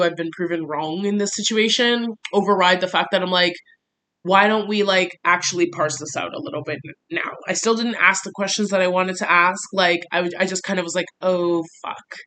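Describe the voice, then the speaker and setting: Bright-voiced woman venting in a diary vlog. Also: mid-range voice. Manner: candid, rambling, heavy use of "like"; voice rises and quickens when agitated. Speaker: vlogger.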